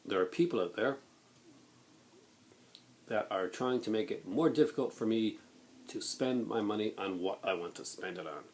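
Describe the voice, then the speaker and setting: A man in a blunt, exasperated rant to viewers, halting and then bursting into emphasis. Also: lowish voice, a little mellow. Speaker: video blogger. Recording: noticeable background noise.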